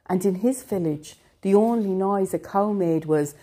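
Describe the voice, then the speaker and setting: A woman narrating a storybook tale in a slow, gentle, deliberate manner. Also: medium pitch.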